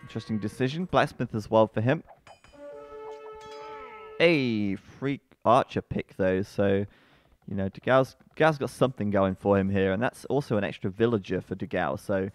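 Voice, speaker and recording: An esports commentator with a low, bassy voice delivers live game commentary. He is chatty and breaks into excited outbursts.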